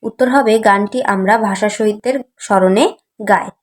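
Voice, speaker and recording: A woman teacher, reading a lesson for young children and spelling out letters slowly and patiently. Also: mid-range voice. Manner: slow, patient, syllable-by-syllable spelling aloud.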